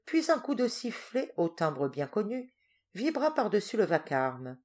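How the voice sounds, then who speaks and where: A woman narrating a novel aloud in an expressive, lively storytelling manner. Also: mid-range voice, unhurried.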